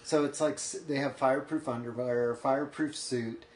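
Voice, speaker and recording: A man, a coach who trains athletes, talking in a relaxed, matter-of-fact way as a podcast guest in his home office. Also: mid-range voice, moderate pace, roomy sound. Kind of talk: casual podcast conversation.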